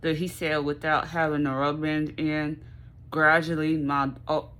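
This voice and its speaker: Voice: medium pitch, little pitch movement, moderate pace, a bit bright. An American vlogger chatting casually and expressively to viewers with folksy phrasing, mouth movement limited by a sore jaw after surgery. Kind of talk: casual chatty recovery vlog.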